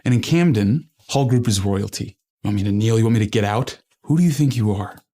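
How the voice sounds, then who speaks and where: An actor playing an arrogant young corporate manager who bullies and threatens his relatives, with a husky voice. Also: fairly low pitch, brisk, warm tone, natural voice. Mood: threatening.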